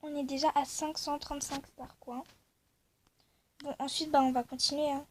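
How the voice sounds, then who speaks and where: A woman's voice: sits high, little pitch movement, normal speed. A young woman casually commenting on a game she plays, rambling with many fillers. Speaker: gaming video creator. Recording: faint background noise.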